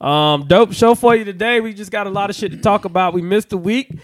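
A man's voice: high voice, brisk, no echo, clean studio sound. A man hosting a casual podcast, hyping up the show intros and cursing freely as he talks. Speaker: podcast host and DJ.

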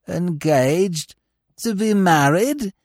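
Male reader plays an excitable young gentleman, high and agitated. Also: extremely slow, no room sound, studio quality, full character voice. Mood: agitated, sulky.

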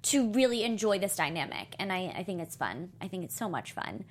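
A woman's voice: lowish voice, very animated, brisk. A young woman co-hosting a podcast, chatting casually and emphatically with a giggly manner. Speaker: podcast co-host. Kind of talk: casual chatty TV recap conversation.

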